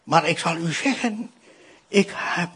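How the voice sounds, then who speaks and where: A man's voice: a little high, animated, slow, a bit bright, husky. A man from India gives a sermon-style testimony. He tells the story with animation, acts out the voices of the people in it, and keeps addressing his listeners directly. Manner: keeps addressing the audience with "I tell you".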